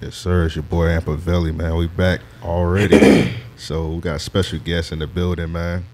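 A man's voice: deep voice, flat delivery, normal speed, a little mellow. A man, co-hosting a podcast with joking, slangy banter. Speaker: podcast co-host. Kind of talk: casual podcast interview.

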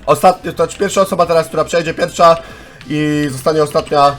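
A young man in his twenties hosts a game contest, firing off excitable, chatty commentary and calling out to his viewers. His voice sits a touch on the high side. Faint music plays softly underneath. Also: brisk. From Poland. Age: 20s. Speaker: gaming YouTuber hosting a contest. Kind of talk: live gameplay commentary.

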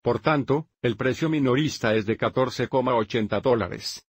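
A man with a husky, slightly breathy voice talks through a math lesson one step at a time. His delivery is steady and methodical, like a patient teacher. The sound is dry and close, with no room around it. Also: medium pitch, normal speed, no room sound. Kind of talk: dubbed math lesson narration.

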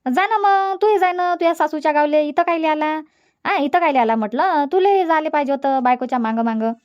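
Chandrakala, a high scolding village mother voiced by a woman. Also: brisk, darkish tone, highs cut off, natural voice. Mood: sarcastic. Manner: scolding, repetitive, dismissive. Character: scolding elderly village mother, bitter and stubborn. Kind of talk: cartoon comedy dialogue.

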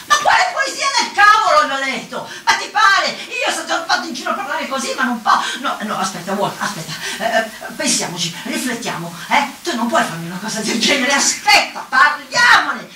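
A woman's voice: mid-range voice, fairly quick, few pauses, a little hiss or hum. A woman voicing a clumsy, exasperated old cartoon witch in a comic stage monologue, exclaiming and laughing as she talks. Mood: indignant. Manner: animated, exclamatory, laughs while talking. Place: outdoor town square stage. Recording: echoey, from far off, faint ambience.

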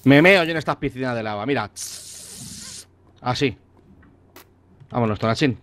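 A man's voice: mid-range voice, moderate pace, fairly bright tone. A man, playing a game with a friend and teasing him with crude, mock-gloomy banter. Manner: teasing, swears freely, dry mock-gloom. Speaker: gamer playing together online. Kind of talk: casual let's-play banter.

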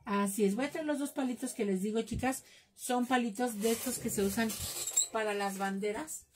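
A woman with a Mexican accent runs a live craft tutorial, talking casually and cracking jokes with her viewers as she works. Her voice sits a little high, and she sometimes drifts off the mic while busy with her hands. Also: normal speed, background noise. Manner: chatty, jokey, calls viewers "chicas". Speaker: craft class host.

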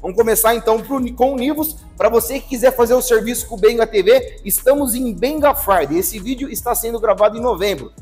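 A man in his thirties with a Brazilian accent, hosting to camera in a garage workshop, talking with energetic, slang-filled salesmanship. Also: very high voice, fairly quick, hardly any pauses. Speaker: host, tuning shop owner. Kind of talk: casual presenting to camera. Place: large echoing garage workshop indoors. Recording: reverberant workshop with background music.

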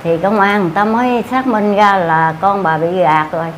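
A woman's voice: mid-range voice, fairly quick, a little hiss or hum. An older woman with a Southern Vietnamese accent, recounting an event in a rambling, repetitive way with many fillers. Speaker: interviewee. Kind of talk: casual storytelling.

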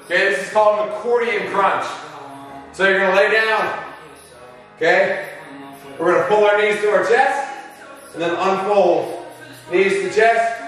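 A man's voice: high voice, fairly bright tone. A middle-aged man coaching a workout as he exercises, giving rallying pep-talk cheers in short urging commands, recorded in a home gym. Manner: exerting himself while talking. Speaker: fitness coach. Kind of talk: live workout instruction with counting. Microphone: camera several metres away. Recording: very echoey room, far from mic.

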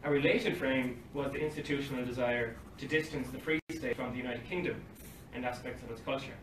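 His medium-pitched voice is fairly bright and fairly even, moving a little fast as this young man reads an academic talk from paper at a lectern. Dry asides come with short laughs. A distant phone camera across the library meeting room captures roomy, faintly hissy, livestream-quality sound.

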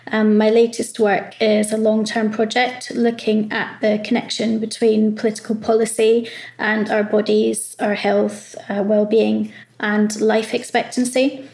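A woman's voice: a little high, flat delivery, unhurried, creaky, hardly any pauses, a little mellow, low-quality recording. A woman with a Scottish accent, a photographer guest who answers interview questions in a direct, matter-of-fact way. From Glasgow, Scotland.

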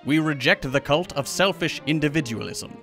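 A man's voice: fairly high pitch, normal speed, a bit bright, faint music behind. A man putting on a mock British accent to read out a pompous conservative politician's manifesto. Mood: pompous earnest.

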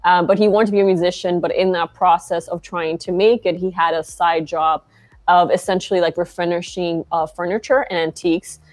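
This young woman from Argentina joins a video call as a founder guest, speaking from a bright shop. Her lowish voice shows little pitch movement and runs fairly quick, and her casual interview chat is packed with fillers.

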